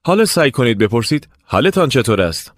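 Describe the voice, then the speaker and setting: A man narrating a language lesson, giving clear step-by-step instructions. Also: mid-range voice, big pitch swings, dry recording, studio quality. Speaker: language teacher.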